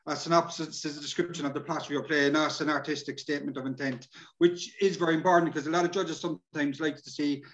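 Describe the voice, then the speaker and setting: A middle-aged Irish man presents a workshop over a video call, speaking informally and colloquially, repeating himself, calling listeners "lads" and reading partly from slides. His voice is a little high and steady in tone, he talks fast, and the audio is dull.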